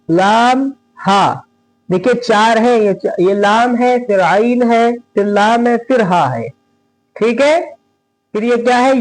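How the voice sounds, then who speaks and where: A man teaching Quran reading, naming Arabic letters one by one in a slow, patient lesson. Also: high voice, darkish tone, low-quality recording.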